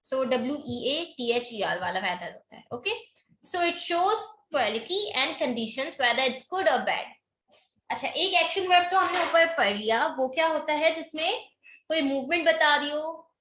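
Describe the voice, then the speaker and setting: A woman teacher with a high, bright voice gives an online English grammar lesson. She explains in Hindi mixed with English, slows down for the definitions and keeps checking in with a quick "okay?". The room sounds echoey. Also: expressive, slight background noise.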